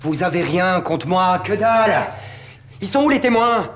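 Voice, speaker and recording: A man's voice: medium pitch, animated, lightly acted. An actor playing a defiant, foul-mouthed young male suspect under questioning in a crime TV drama. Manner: insolent, mocking, quick to shout.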